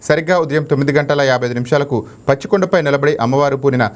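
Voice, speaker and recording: A man's voice: mid-range voice, rapid-fire. A man reading a scripted news voice-over in formal reporting style. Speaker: news narrator.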